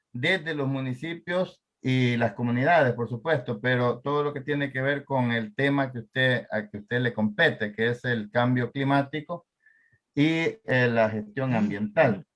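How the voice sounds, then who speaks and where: A man's voice: mid-range voice, a bit bright. A man hosting an online political talk show, formal in tone, sometimes stumbling over names. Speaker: host.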